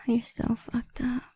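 In an erotic roleplay audio, a woman speaks in a breathy whisper, domineering, commanding, and taunting. Her voice sits a little high and has a warm tone.

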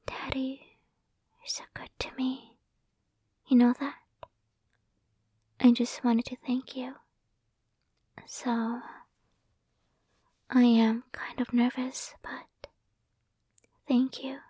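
Whispering right into a close, sensitive microphone, a young woman performs a sweet, affectionate ASMR roleplay. Her breathy, mellow voice sits a little high, and she speaks slowly and evenly in a level tone. The sound is dry, with no room around it.

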